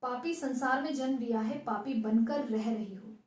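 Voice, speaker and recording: A woman reads a middle-aged mother, stern and quick to scold. The voice sits a little high. It rings in an echoey room. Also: a little mellow, close to an everyday voice. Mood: wry. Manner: scolding, then wryly resigned.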